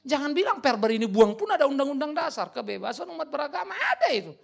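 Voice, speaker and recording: Gravelly, lively-voiced man preaching bluntly. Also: very high voice, quick pace. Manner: blunt, colloquial and emphatic, with sudden loud outbursts. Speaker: pastor. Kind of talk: sermon with audience questions.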